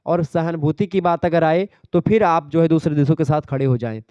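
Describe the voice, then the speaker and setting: A man's voice: on the high side, a little fast, clean tone, no room sound, lo-fi sound. A male teacher giving an exam revision lecture, explaining terms step by step and checking that his students follow.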